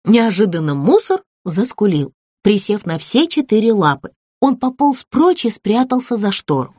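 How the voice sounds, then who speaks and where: A woman's voice: mid-range voice, moderate pace, dry recording. Woman storyteller for children's audiobook, very dry close sound. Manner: expressive, storytelling lilt.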